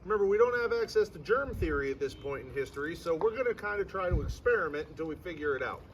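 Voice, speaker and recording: A man's voice: fairly high pitch, expressive, fast. A man working as a ghost tour guide, telling stories to a group outdoors with irreverent humour and theatrical emphasis. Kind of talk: animated storytelling to a tour group. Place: outdoors in a fort courtyard. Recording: distant mic, noisy outdoor ambience.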